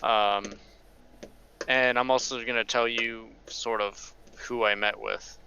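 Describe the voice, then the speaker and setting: Gravelly-voiced man rambling through a backstory. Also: medium pitch, fairly even intonation, slow, pushed and bright, dull audio, slight background noise. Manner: rambling, hesitant, many restarts. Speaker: player. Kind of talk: casual tabletop game chat.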